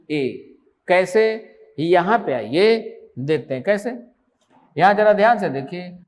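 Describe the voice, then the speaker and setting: A man teaches an online exam-prep grammar class in a high-pitched voice. He keeps firing questions at his students and answers most of them himself. He runs the lesson as a steady back-and-forth drill.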